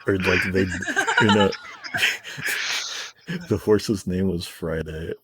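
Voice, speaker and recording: Deep-voiced young man chatting on stream. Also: takes it slowly, a bit bright, soft background music. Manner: laid-back, swears casually, laughs often. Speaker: game streamer. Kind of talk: casual stream chat reading game text aloud.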